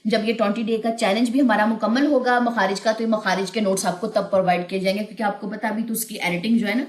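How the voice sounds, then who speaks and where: A woman's voice: mid-range voice, steady tone, echoey room. A woman teaching Quran recitation online, explaining pronunciation and drawing out long vowels in her examples while mixing in English words. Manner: demonstrates sounds with long drawn-out vowels. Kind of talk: online tajweed lesson.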